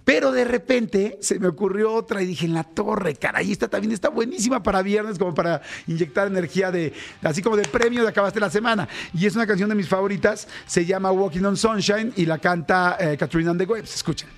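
A man with a Mexican accent hosting a lively morning radio show, chatting excitedly and reading listener messages aloud in a radio studio. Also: high voice, a little fast, vocal fry. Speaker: radio host.

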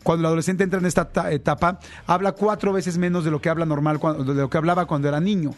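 A man's voice: fairly high pitch, little pitch movement, fast. A man giving casual parenting advice, talking conversationally and addressing listeners directly.

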